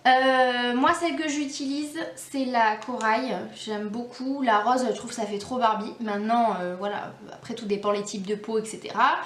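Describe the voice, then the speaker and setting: A woman's voice: on the high side, fairly even intonation, moderate pace, few pauses, a little hiss or hum. Chatty French woman doing her makeup. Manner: chatty, hesitant, many fillers. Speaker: beauty vlogger. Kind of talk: casual makeup tutorial. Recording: echoey room, faint background music.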